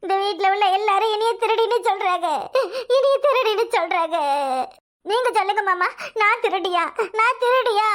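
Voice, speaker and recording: A woman's voice: very high voice, fairly quick, fairly bright tone. A woman voicing a touchy young married woman who protests with wailing self-pity, in a southern Tamil Nadu accent. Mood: tearful. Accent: southern Tamil Nadu dialect. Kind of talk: cartoon voice acting.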